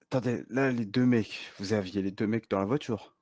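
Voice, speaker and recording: A man streaming a game roleplay as a police officer, animated and full of questions. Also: on the low side, normal speed.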